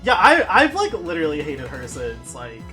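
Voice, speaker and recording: A woman with a fairly low voice and very lively, expressive intonation hosts a casual game livestream. She talks to viewers in informal, gossipy slang. Music plays clearly behind her. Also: normal speed. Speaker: game streamer running a challenge run with audience votes. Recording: music in the background.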